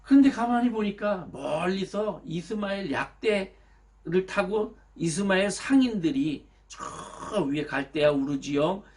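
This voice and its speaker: Male pastor preaching, bit of a high voice, animated storytelling. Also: gravelly. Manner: lively storytelling, direct address to listeners. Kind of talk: sermon.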